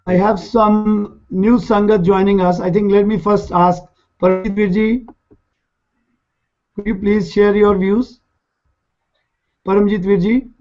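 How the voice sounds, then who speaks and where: A man's voice: high-pitched, flat delivery, a little slow, long pauses, a little mellow. A man hosts a religious group discussion. He is polite as he invites and thanks speakers, over dull, lo-fi call audio. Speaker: discussion host.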